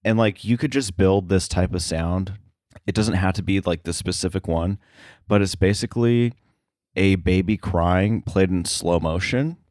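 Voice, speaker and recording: A low-voiced man appears as a guest in a casual podcast interview, hesitating and thinking out loud as he speaks. His tone is darkish and his speed normal, and the sound is close and dry with no echo.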